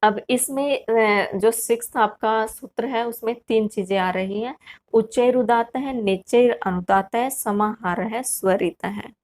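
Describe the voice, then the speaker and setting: A woman teaching a grammar lesson for exam prep. She asks questions and answers them herself, and she repeats key terms slowly and sounds them out. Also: a little high, darkish tone.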